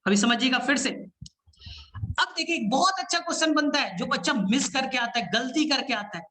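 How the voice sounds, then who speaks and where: Male biology teacher with a high, bright-sounding voice; energetic, repetitive online lecturer who keeps quizzing students. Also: normal speed, slight background noise. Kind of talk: live online class lecture.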